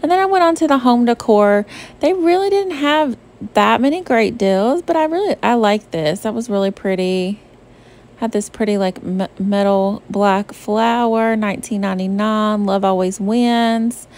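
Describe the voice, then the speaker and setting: A woman's voice: on the high side, moderate pace, a little mellow. A young adult woman from the southern US, narrating a shopping trip in a casual, bubbly voice-over full of "um" and "like". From Southern United States. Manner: chatty and bubbly, many fillers like "um" and "like". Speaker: shopping vlogger. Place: voice-over recorded apart from the pictured store. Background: faint background music.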